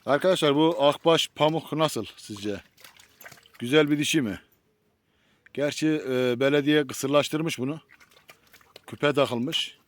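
A man's voice: fairly high pitch, slow, pauses often. Give me a doting man narrating his dogs outdoors. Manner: affectionate, doting, talks to the dogs with pet names. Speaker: vlogger filming his dogs on a nature walk. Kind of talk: casual commentary to viewers. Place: outdoors in nature.

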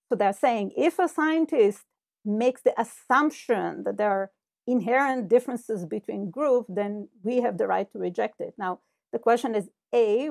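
Over a video call on an earbud headset, a middle-aged woman who speaks Hebrew explains her research as a cognitive scientist guest in an interview, from a home office lined with bookshelves. Her fairly high voice has vocal fry and a darkish tone, and the audio is studio quality with no room sound. She's thoughtful and explanatory, using many fillers.

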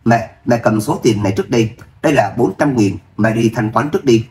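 A man voicing a dutiful young wife who pleads softly with her mother, in an audio novel reading. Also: mid-range voice, a little fast, natural voice. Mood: pleading. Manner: soft pleading. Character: gentle dutiful young wife torn between family.

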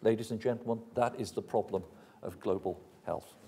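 Speaking with a fairly low, mellow voice touched by vocal fry, a man in his sixties from Wales talks briskly. He is a university lecturer giving a candid, straightforward public talk and fielding questions inside a large, ornate hall.

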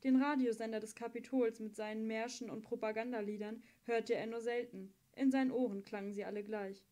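Woman narrator for an audiobook; higher, mellow voice, steady and measured. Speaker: audiobook reader.

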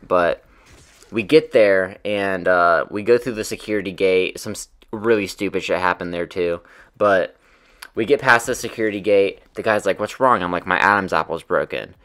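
A young man with a low-pitched but bright, forward voice tells a personal story. He rambles loosely, leaning on fillers and curse words as he goes. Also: moderate pace. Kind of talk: casual storytelling.

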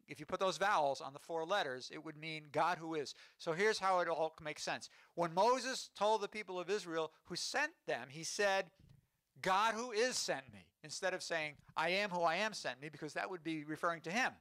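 A man's voice: fairly high pitch, fairly bright tone, no room sound. A man preaching as a rabbi, explaining scripture with rhetorical questions to his congregation. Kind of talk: sermon. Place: congregation sanctuary.

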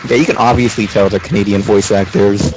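A young man co-hosting a game livestream, chatty and opinionated, quick to laugh. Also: fairly low pitch, fairly even intonation, noisy background. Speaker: livestream co-host. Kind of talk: casual game stream commentary.

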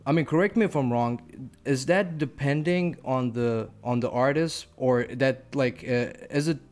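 A man hosting a casual podcast interview. He asks his questions in a halting, hesitant way, stumbling and restarting and apologizing as he goes. Faint music sits behind his voice. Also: mid-range voice, a little mellow. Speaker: podcast host.

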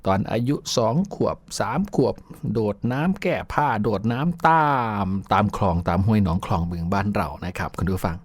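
This man's voice is lowish and animated, moving at normal speed with hardly any pauses and no echo. Hosting a radio show over faint music, he spins folksy childhood stories in a chatty style and laughs often.

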